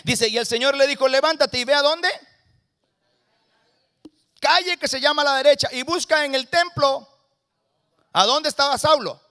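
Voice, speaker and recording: Costa rican pastor guy preaching, high voice, gets loud then quiet, has people repeat after him. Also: moderate pace, pauses often. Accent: Costa Rican Spanish. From Costa Rica. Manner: calls for congregation responses, shifts between loud and hushed. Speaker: guest pastor. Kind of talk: lively Spanish sermon. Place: church sanctuary.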